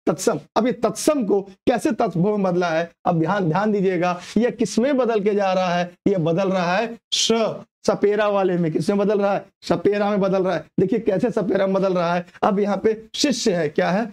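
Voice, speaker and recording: A man with a high-pitched voice leads an exam-prep grammar lesson. He keeps firing questions at the class and answering them himself, drilling each point home. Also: a little mellow. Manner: quizzing, asks and answers own questions. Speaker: Hindi grammar teacher.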